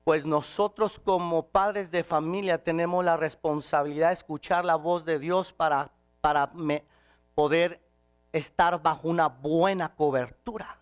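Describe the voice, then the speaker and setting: A man preaching a sermon, swinging from shouted passages to quiet, intimate ones. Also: on the high side, fairly even intonation, unhurried, smooth.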